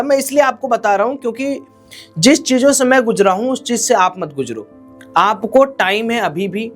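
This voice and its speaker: A male exam coach giving direct, exhorting study advice to students, speaking straight to them as friends. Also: high-pitched.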